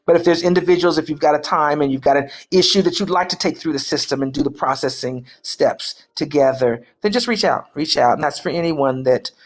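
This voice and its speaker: A woman's voice: low-pitched, brisk, few pauses. A woman healing coach hosting a live stream, talking casually and emphatically, with colloquial phrasing and repeated key phrases.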